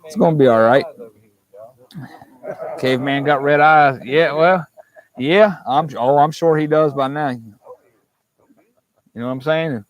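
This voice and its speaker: With a voice on the high side, he speaks at a measured pace and pauses often, while the recording sounds rough. He's an outdoor livestream host at a campsite, casually rambling and joking with viewers into a clip-on mic with a fuzzy windscreen.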